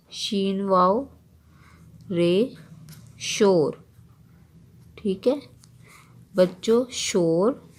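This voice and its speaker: A woman teaching young children in an online lesson, speaking very slowly and deliberately. She spells words out letter by letter, repeats them patiently, and keeps checking that the children follow along. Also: medium pitch.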